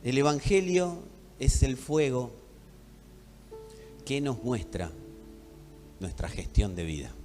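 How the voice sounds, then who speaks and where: A man from Buenos Aires with a Rioplatense accent, preaching a sermon emphatically and addressing the congregation directly, dropping to hushed tones and rising to loud ones. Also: medium pitch, very animated, takes it slowly, long pauses. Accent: Rioplatense Spanish. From Buenos Aires, Argentina. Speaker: pastor. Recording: echoey hall with faint music.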